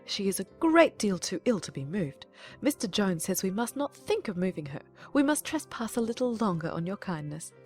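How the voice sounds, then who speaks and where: A woman's voice: mid-range voice, big pitch swings, normal speed, a little mellow, soft background music. A woman voicing a fussy, effusive middle-aged mother in a dramatized audiobook, chattering and easily offended. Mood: fretful. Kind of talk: dramatized audiobook character reading.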